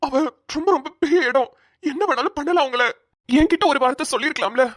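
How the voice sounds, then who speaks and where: A woman's voice: high-pitched, fast talker, dry recording, studio quality, lightly acted. A woman voicing an earnest, protective young male police officer in a cartoon, talking urgently and stammering at times. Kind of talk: cartoon voice acting.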